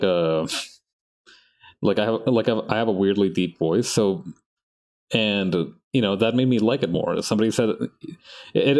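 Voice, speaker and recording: An artist streams his work, chatting casually and rambling to himself as he draws, often restarting and correcting his sentences. His voice is fairly low in pitch and a little mellow.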